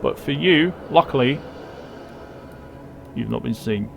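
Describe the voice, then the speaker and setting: A man's voice: mid-range voice, lively intonation, takes it slowly, vocal fry. A man running a tabletop game as game master, narrating in a hesitant way as if thinking aloud. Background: music.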